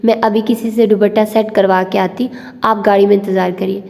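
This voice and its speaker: A woman voicing a tart, affectionate young wife who is sharp-tongued yet soft. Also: medium pitch, level tone, brisk, vocal fry, close to an everyday voice. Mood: exasperated. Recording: long reverb.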